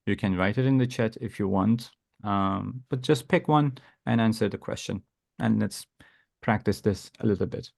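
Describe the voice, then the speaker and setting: Lowish-voiced man teaching a language class. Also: normal speed, creaky, dry recording, clean studio sound. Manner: encouraging, praising. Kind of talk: interactive online lesson, mixing explanation and examples. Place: online video class.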